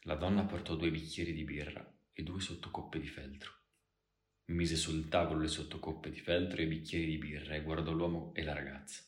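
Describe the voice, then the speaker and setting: Very deep-voiced male narrator. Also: little pitch movement, fairly quick, roomy sound. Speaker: audiobook narrator. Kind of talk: literary reading.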